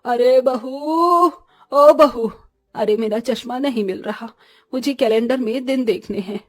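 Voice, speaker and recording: A woman's voice: a little high, steady tone, moderate pace, mellow, natural voice. A woman voicing a demanding, forgetful older mother-in-law who keeps calling for her daughter-in-law in a storybook drama. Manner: scolding, calling out.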